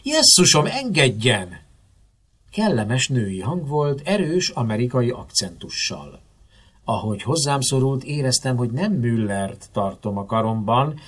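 Expressive male narrator for a first-person mystery audiobook; husky voice, animated and theatrical delivery. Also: medium pitch. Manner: expressive, dramatic storytelling.

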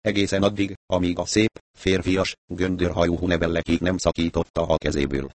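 A man reads a tense crime novel aloud in a measured, even narrating voice. His voice sits very low and deep. The recording is dry and close, with no room sound. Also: dry recording. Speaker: audiobook narrator. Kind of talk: scripted narration.

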